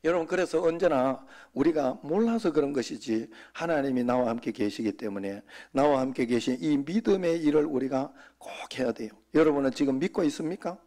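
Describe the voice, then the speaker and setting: A man's voice: on the high side, fairly quick, hardly any pauses, warm tone. A middle-aged male pastor giving a sermon in a folksy, conversational way, often slipping in quoted asides.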